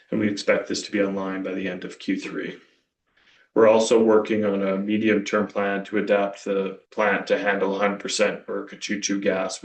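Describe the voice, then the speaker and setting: Deep, flat man on a conference call. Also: slight background noise. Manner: measured, technical, walks through slides with restarts. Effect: conference call audio. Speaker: company executive presenting operations. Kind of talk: earnings call presentation. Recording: roomy, distant conference call audio.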